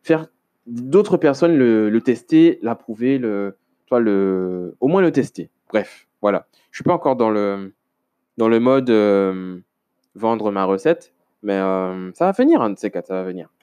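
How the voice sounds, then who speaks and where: A man's voice: on the low side, lively intonation, a little slow, dark tone, clear, resonant tone. A man hosting a casual solo podcast, rambling and hesitant with many restarts and self-mocking asides. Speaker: podcast host.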